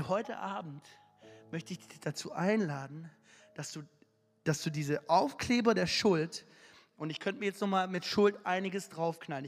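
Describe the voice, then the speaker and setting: A man preaching a sermon, telling a story in an emphatic, colloquial way. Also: fairly high pitch. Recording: echoey hall, faint music.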